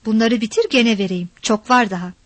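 A woman voicing a harsh, violent village father who shouts, curses and threatens. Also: fairly high pitch, fairly quick, dry recording, lightly acted. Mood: coaxing.

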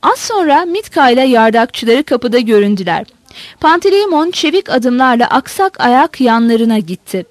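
A woman narrating a novel as an audiobook in a measured storytelling manner. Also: on the high side, expressive, no echo.

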